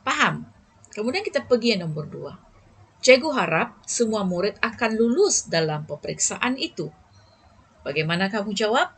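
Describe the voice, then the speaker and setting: A woman's voice: mid-range voice, very animated, normal speed, slight background noise. A Malaysian woman teacher giving an online Malay lesson to young pupils, checking in with them often. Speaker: primary school teacher.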